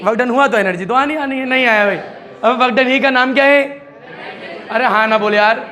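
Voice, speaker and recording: A man's voice: extremely high pitch, brisk, bright, forceful tone, a faint crowd. A man teaching a physics class to students, quizzing them again and again and joking as he goes. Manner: keeps quizzing students with repeated questions and jokes.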